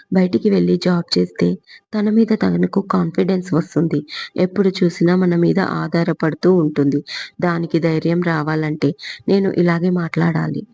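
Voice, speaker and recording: A woman voicing a bossy elder sister who scolds her younger sibling in firm, sharp commands, in a dull lo-fi recording. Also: fairly low pitch, gravelly.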